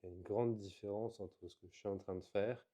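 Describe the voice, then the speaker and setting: A man talking through slow floor exercises in a calm, explanatory vlog, coaching the viewer as he moves. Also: fairly low pitch. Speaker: movement coach. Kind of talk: instructional vlog.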